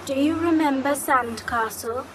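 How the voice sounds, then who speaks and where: Childlike girl in a film drama: high, slow, simple halting phrases, clear ambience behind. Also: background noise. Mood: eager. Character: childlike computer-made girl, eager and simple.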